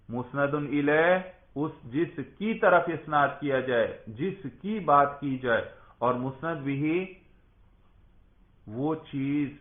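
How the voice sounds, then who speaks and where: Man teaching grammar, echoey and tinny. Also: mid-range voice. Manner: patient, quizzing, repeats answers back. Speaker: religious school grammar teacher. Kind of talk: classroom lesson with questions to a student. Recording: echoey room over a tinny narrow line.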